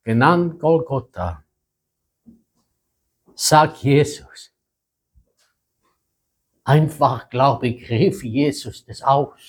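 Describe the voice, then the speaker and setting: A preacher giving a sermon in a slow, emphatic way, with dramatic pauses. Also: mid-range voice, breathy edge.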